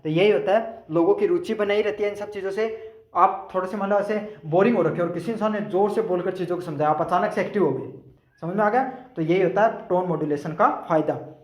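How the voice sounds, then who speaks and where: High-voiced Hindi teacher in an echoey room. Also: male voice, a little mellow. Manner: explains each answer with questions to the listener. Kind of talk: exam question walkthrough.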